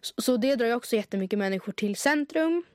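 A young woman co-hosting a podcast, telling stories in a chatty, animated way with lots of fillers. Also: a little high, no echo, clean studio sound. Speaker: podcast co-host. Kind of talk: casual chat.

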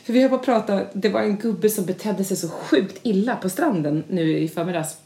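A woman co-hosting a podcast, telling stories in an animated, chatty way. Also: medium pitch. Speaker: podcast co-host. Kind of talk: casual chat. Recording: roomy echo.

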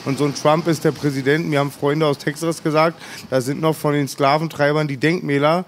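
A man's voice: fairly high pitch, flat delivery, brisk, slight background noise. A man chatting casually, rambling and talking over the others. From Germany. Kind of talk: casual chat.

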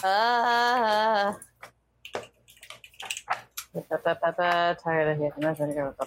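A woman's voice: fairly low pitch, fairly even intonation, slow pace, background noise. A woman playing a tabletop role-playing game and chatting casually as she takes her turns.

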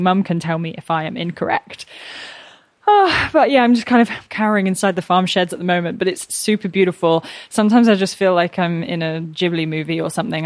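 A woman's voice: lowish voice, dry recording. A young woman chatting casually and enthusiastically for a vlog, sheltering in a barn with rain on the tin roof. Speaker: farm partner and vlogger.

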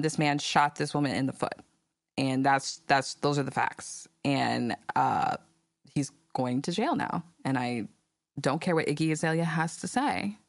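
Her voice is deep, captured dry with clean studio sound, as this podcast host talks casually. She's sassy and animated, using slang while reading ads and sharing her views.

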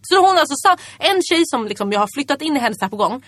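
A young woman chats on a podcast, spinning lively stories and slipping into quoted lines of her own past self. Her voice sits a little high and the sound is close and dry with no room around it. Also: no room sound. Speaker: podcast host. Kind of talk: casual chat, storytelling.

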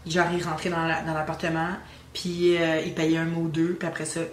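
A young woman with a Québécois accent, casually telling an animated ghost story on a podcast. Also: deep voice, fairly quick. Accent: Québécois French. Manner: animated storyteller, teasing suspense. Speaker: guest telling her story. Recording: roomy with faint ambient noise.

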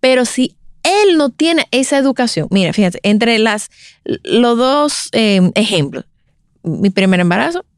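A woman in her forties telling a personal story in a conversational interview, animated and acting out the voices of others. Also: on the high side, measured pace, clear, resonant tone, no room sound, clean studio sound. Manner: animated, acts out quoted voices. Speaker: guest speaker on breastfeeding.

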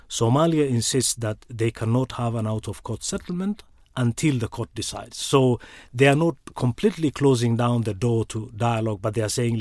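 Man, East African accent, expert interviewee, measured analytical delivery, mid-range voice, thoughtful word repetitions, dry quiet room. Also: medium pitch, no room sound. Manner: measured, deliberate, often repeating words as he thinks. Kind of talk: spoken political analysis.

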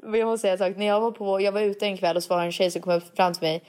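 A woman's voice: medium pitch, smooth. A young woman co-hosting a podcast in casual chat, telling stories and mixing Swedish with English. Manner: animated storyteller, mixes Swedish and English. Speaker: podcast co-host.

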